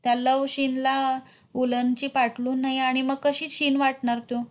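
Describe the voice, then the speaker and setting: A woman voices a young village actor cast as the hero in a spoken story. He whines in a near-tearful, complaining tone, a little high. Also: flat delivery, measured pace. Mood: whiny.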